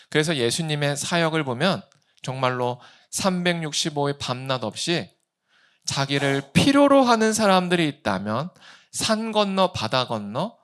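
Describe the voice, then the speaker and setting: A man's voice: medium pitch, a bit bright. A male pastor in his thirties preaching a sermon, asking rhetorical questions and acting out quoted speech.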